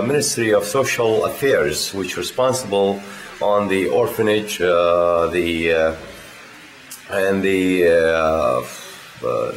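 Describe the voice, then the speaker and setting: A man from Iraq, talking in a casual video diary, halting and full of filler sounds. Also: low-pitched. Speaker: vlogger.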